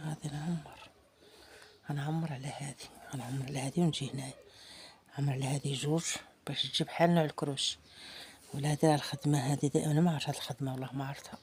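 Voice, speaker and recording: A woman's voice: sits low, a little mellow, a little hiss or hum. A woman with a Moroccan Arabic accent teaching embroidery in a casual, chatty way, thinking aloud as she works and sometimes murmuring to herself. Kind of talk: casual hands-on craft tutorial.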